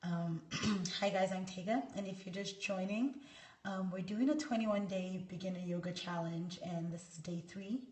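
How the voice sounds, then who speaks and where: A yoga instructor, hoarse from a cold, cues a pose while doing it during a live-streamed lesson, stopping to greet viewers. Her voice is on the low side, steady and darkish, at normal speed. The camera sits across a very echoey room, so she sounds far from the mic.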